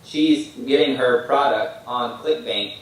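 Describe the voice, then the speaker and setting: A man's voice: medium pitch, a little slow, very echoey, recorded from a distance, rough recording. A man in a casual chat, asking direct questions and giving feedback.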